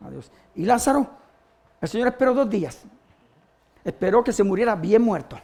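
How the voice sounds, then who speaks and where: A man's voice: sits high, lively intonation, normal speed, darkish tone. A man preaching a sermon as pastor, fervent and stopping often to give praise.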